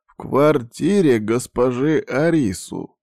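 A man voicing an old male healer who talks slowly and carefully. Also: mid-range voice, lively intonation, vocal fry, a little mellow, dry recording, clean studio sound, voice pushed up. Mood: concerned. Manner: slow, careful.

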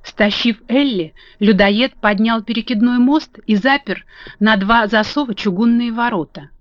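A woman reading a children's storybook aloud in a calm, even narration. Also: fairly high pitch, unhurried, dry recording. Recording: dull lo-fi dry audio.

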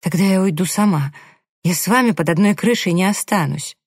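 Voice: medium pitch, brisk, dry recording, clean studio sound, pitched above the performer's own voice, natural voice. A reader voicing a naive young woman secretary who pleads and protests in an audiobook. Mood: indignant. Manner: pleading, indignant, tearful. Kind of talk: audiobook character reading.

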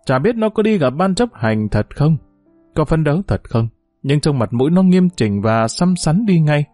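A man reading a novel aloud in steady, measured storytelling narration. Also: on the high side, no room sound.

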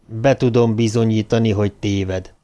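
A man's voice: on the low side, fairly even intonation, mellow, close to an everyday voice. A man doing an icy, scheming villain ruler. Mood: cold menacing. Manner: icy, clipped, menacing. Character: cold, scheming male ruler and killer.

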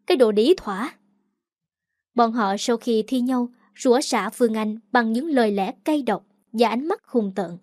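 A woman narrating a first-person story in a steady, plain storytelling manner. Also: fairly high pitch, normal speed, dry recording, studio quality.

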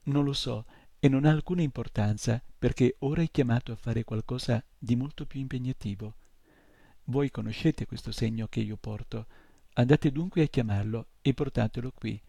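A man's voice: mid-range voice, normal speed, gravelly, dark tone, breathy edge, no room sound. A man voicing an old male centaur healer who grumbles impatiently, in an audiobook reading. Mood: gruff.

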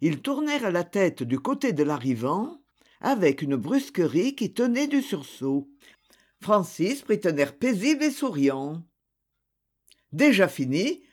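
An audiobook reader narrating a mystery novel in a slow, expressive storytelling way. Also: medium pitch.

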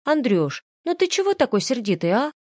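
A woman's voice: on the high side, animated, a little slow, no echo, pitched above the performer's own voice. A woman doing a coy, theatrical temptress. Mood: coquettish. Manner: coy, whiny, melodramatic. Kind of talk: audiobook reading.

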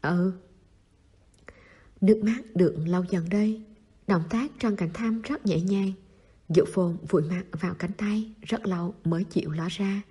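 A woman narrating a novel in a steady, soft storytelling manner. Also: medium pitch, moderate pace, breathy edge. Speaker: audiobook narrator.

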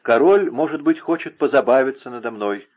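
Мужчина изображает отчаявшуюся молодую девушку. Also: male voice, mid-range voice, animated, a little fast, pitched above the performer's own voice, close to an everyday voice. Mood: bitter, desperate. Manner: impassioned, pleading. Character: young woman, distraught, pleading lover. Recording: narrow phone-like lo-fi sound.

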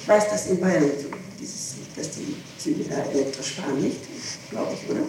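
A woman with a lowish voice, speaking at normal speed, testifies in court as a defendant under questioning, hesitant and evasive and often repeating her phrases. It's an echoey, noisy archival recording from a distant mic in a large, echoing room.

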